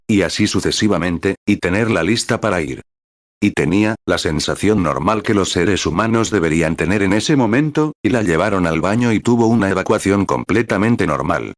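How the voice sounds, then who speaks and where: A man with a very low voice reads a sermon aloud in a calm, measured way and calls out the numbered paragraphs as he goes. The recording is dry and close, with no room sound. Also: no echo. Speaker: reader of a translated sermon. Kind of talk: sermon read aloud as narration.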